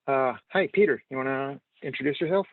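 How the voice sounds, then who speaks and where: A man's voice: mid-range voice, a little fast, no echo. Man hosting a video call, tinny audio. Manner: brief and encouraging. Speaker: host.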